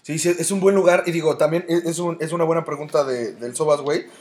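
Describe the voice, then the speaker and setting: A man's voice: on the high side, fairly even intonation, fast talker, a little mellow. A man with a Mexico City accent, co-hosting a casual, profane chat with friends. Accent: Mexico City Spanish. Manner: profane, slangy banter. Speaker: podcast co-host.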